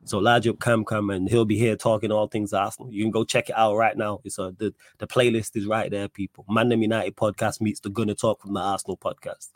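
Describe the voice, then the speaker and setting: A man with a London roadman accent, from the UK, hosts a casual football fan livestream, throwing out street slang and repeating himself for emphasis. His voice sits low and flat, and he talks fast with few pauses. The recording is dry.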